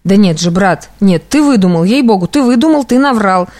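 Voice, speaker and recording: A woman voicing an excitable sentimental young clerk. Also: medium pitch, fairly quick, lightly acted. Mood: effusive. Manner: exclamatory, effusive.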